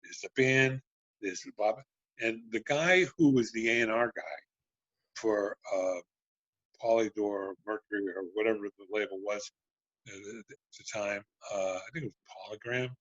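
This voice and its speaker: Older man telling a lively story. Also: lowish voice, normal speed, dry recording. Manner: animated storyteller who swears and acts out quotes in a raised voice. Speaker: talk show guest, former band promotions manager. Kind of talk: casual storytelling chat. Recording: dull lo-fi dry sound.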